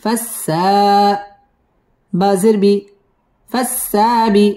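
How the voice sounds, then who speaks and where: Patient woman reciting teacher, slow deliberate spelling, drawn-out chanting. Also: medium pitch, warm tone. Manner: spells letters syllable by syllable, then chants the verse slowly. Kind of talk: slow spelling-out tajweed lesson.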